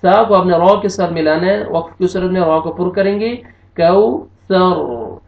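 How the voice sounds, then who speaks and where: A man's voice: high-pitched, fairly even intonation, brisk. A man teaching a Quran recitation lesson, patiently explaining pronunciation rules step by step and spelling out each word. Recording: dull lo-fi sound, roomy echo.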